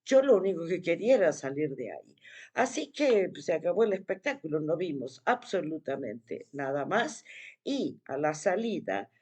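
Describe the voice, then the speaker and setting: A woman speaking straight to her viewers in a relaxed, chatty way. Her voice swings widely up and down as she tells the story, with expressive emphasis and dramatic pauses. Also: on the low side. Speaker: vlogger. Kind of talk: casual personal storytelling to the viewer.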